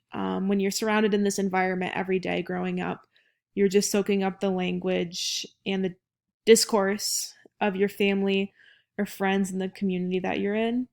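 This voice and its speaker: A woman's voice: medium pitch, vocal fry. A young adult American woman giving an informal academic presentation as a student, somewhat hesitant and partly reading aloud.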